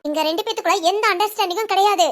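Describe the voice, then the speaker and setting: A performer voicing a bitter, defiant young bride who answers in sharp, curt retorts. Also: very high-pitched, very fast.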